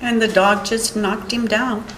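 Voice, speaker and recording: Older woman testifying slowly in an echoey courtroom. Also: on the high side, steady tone, a bit bright, slight background noise. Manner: halting, rambling retelling with many restarts. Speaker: witness.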